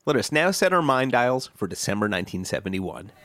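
A podcast host reads scripted narration in a mid-range voice at a fairly quick clip. His storytelling delivery is lively and builds through lists.

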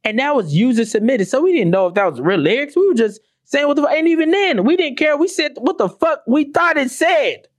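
A young adult man ranting comedically to camera, profane and animated, breaking into mock-sung lyrics. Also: very high voice, fairly quick, hardly any pauses, no room sound. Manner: animated, profane, sings song lyrics mockingly. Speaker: commentator.

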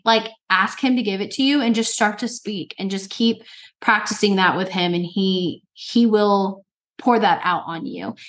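A woman's voice: medium pitch, fairly bright tone. A woman co-hosting a faith podcast, explaining in an encouraging, casual way with "like" fillers. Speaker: podcast co-host.

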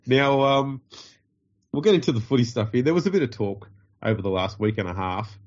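A man's voice: medium pitch, expressive, brisk, highs cut off. A man with an Australian accent and a nasal, stuffed-up voice from a runny nose, hosting a podcast in casual, dryly joking banter. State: getting over covid with a runny nose. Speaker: podcast host.

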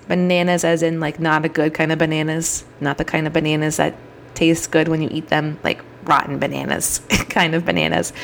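Low-pitched and creaky, the voice belongs to a thirtysomething woman delivering a solo monologue on her own podcast. She keeps things upbeat and conversational despite a somewhat froggy, scratchy throat.

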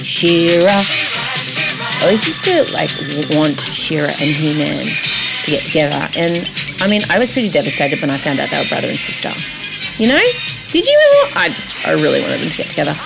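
A woman's voice: deep voice, fast, vocal fry, loud music behind the voice. An Australian woman hosting a comedic podcast as a chatty monologue, campy, theatrical and self-mocking, with the odd swear word.

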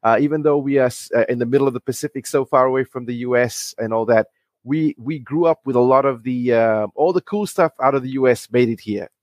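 A man in his forties from Fiji, a comic creator talking as a podcast guest, friendly and halting with many restarts. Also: mid-range voice, no echo, clean studio sound. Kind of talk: casual interview.

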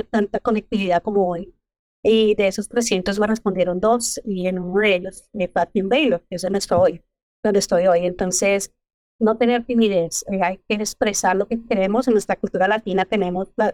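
A middle-aged Colombian woman speaks as a guest in an interview, giving advice in a steady, earnest way. Her voice sits at a moderate pitch. The sound is dry and close, with no room echo. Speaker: medical geneticist, podcast guest. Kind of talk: interview answers.

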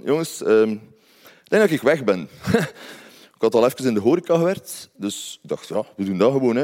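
A man's voice: mid-range voice, a little mellow. A man with a Flemish accent, from Belgium, telling a personal story in a chatty way, often tagging on little questions. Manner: conversational, often adds tag questions.

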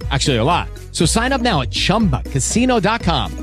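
An American man delivers a chatty scripted advertisement. His fairly high voice moves in lively swings over faint music. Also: brisk. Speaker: advertising spokesman. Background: light music.

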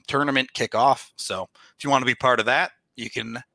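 A man hosting a sports podcast rattles off a fast legal disclaimer in short, clipped phrases. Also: medium pitch, pushed and bright, dry recording.

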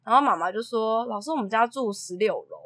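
A preschool teacher who co-hosts a podcast tells anecdotes in a casual chat, talking fast in a fairly high voice. She's an animated storyteller who acts out the quotes and laughs often.

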